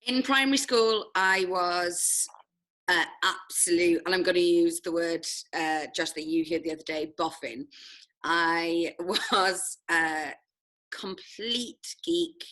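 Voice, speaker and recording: Speaking slowly in a lowish, slightly bright voice, a Welsh woman from South Wales reminisces about school as a guest in a casual interview. She is a head of sixth form, and she laughs a lot and makes fun of herself.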